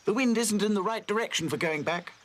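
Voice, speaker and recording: A brisk girl doll who gives the orders, played by a man, set up high and firm. She talks in a commanding, practical way. A cartoon storybook voice. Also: a little hiss or hum, natural voice.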